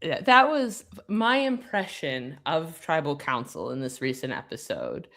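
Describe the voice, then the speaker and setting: A woman's voice: low-pitched, big pitch swings, a little slow, gravelly, a bit bright. A woman guest on a podcast, chatting casually and wryly, with many fillers and restarts. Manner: wry, tongue-in-cheek.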